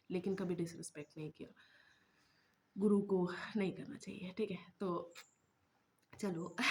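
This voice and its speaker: A woman's voice: mid-range voice, slight background noise. Chatty woman vlogging. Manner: chatty, mixes English words into Hindi, many fillers. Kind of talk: casual talking-head vlog.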